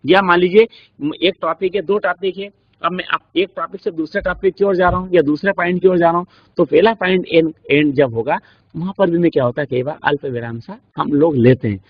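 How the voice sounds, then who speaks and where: A man with an Indian accent giving a classroom lecture, explaining slowly with many examples and rhetorical questions. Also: a little high, breathy edge, dry recording. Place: classroom studio. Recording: dull lo-fi recording.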